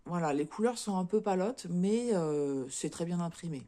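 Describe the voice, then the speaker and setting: A woman's voice: fairly low pitch, animated, normal speed, mellow. A French woman chatting casually as a craft vlogger, showing and unboxing cross-stitch kits, with lots of fillers and repeated words.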